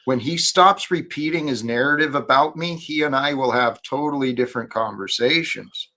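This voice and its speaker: A man's voice: medium pitch, normal speed, sharp tone. A man hosting an earnest spiritual discussion in a preachy, emphatic way. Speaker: host of a faith discussion.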